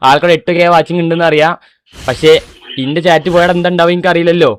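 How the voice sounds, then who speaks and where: A man pleads with his stream chat, talking fast and insistently. His voice is a bit high, and he keeps swearing that he is telling the truth. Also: flat delivery, slight background noise. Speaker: livestreamer. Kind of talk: live-stream talk to chat.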